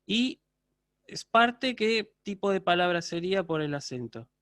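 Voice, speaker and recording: A man's voice: high voice, animated, unhurried, fairly bright tone, dry recording, clean studio sound. A man teaching a university Greek class over a video call, patiently checking in with his students. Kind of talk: online lecture.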